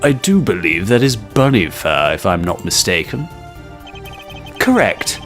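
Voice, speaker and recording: Confident young defense lawyer in a courtroom video game, a man reading him, slow and emphatic, animated. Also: on the low side, soft background music. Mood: assertive. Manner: deliberate, emphatic courtroom delivery.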